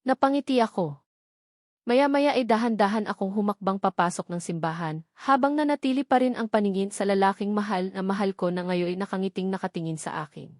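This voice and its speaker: A woman reading a romance novel aloud as the narrator, in a soft, emotional storytelling manner. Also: medium pitch, brisk, no echo, studio quality.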